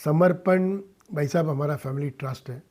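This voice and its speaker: With a mellow, slightly high voice, a mature man speaks with emphasis and deliberation in an earnest radio interview. He's there as a guest, a filmmaker and philanthropist focused on social causes, using short phrases, respectful address and occasional English.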